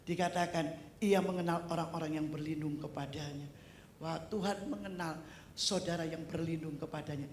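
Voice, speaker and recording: A middle-aged woman from East Java, a pastor preaching a sermon in an animated way, with loud exclamations and humorous asides. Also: deep voice, moderate pace. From East Java, Indonesia. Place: church service hall. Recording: echoey hall with faint noise.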